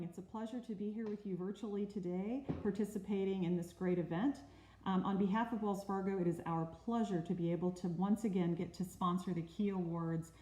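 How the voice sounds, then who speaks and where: A woman gives scripted sponsor remarks in a slightly low, mellow voice. Her words carry a roomy echo, and her delivery stays smooth and prepared. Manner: polished, scripted. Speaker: corporate sponsor representative.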